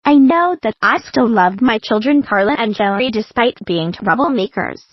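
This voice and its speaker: A female text-to-speech voice playing a stern mother scolding her daughter in an animated video. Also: a little high, normal speed, no echo, muffled recording.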